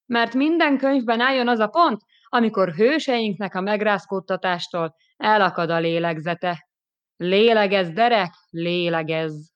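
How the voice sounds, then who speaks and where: A woman giving a lively, expressive first-person audiobook narration. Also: medium pitch, lo-fi sound.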